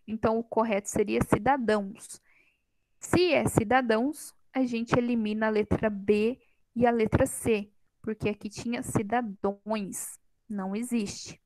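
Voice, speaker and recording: Slow, patient woman teacher. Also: on the high side, steady tone, a little mellow, no room sound, poor audio. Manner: unhurried, quizzes the class, light teasing. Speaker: Portuguese teacher. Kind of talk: classroom grammar lesson. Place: classroom with students. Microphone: microphone.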